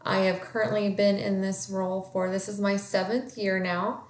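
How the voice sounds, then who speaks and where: Woman, 30s, stuffy nose from a cold, halting and filler-heavy self-introduction, slightly roomy recording. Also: medium pitch, little pitch movement. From Kansas, USA. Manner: hesitant, many fillers. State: congested with a cold. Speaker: student introducing herself.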